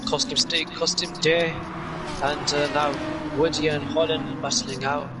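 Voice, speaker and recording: Distant male motorsport commentator, loud engine noise. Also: a little high, little pitch movement, measured pace. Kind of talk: live sim-racing commentary. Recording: distant mic under loud car noise.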